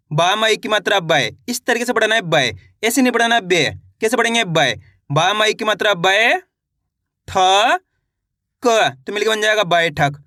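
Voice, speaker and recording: Male teacher, high bright voice, dry close sound; patient, drills syllables with quiz-style questions. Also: no room sound. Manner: slow syllable-by-syllable spelling, frequent rhetorical questions. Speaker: Hindi reading teacher. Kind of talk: online lesson.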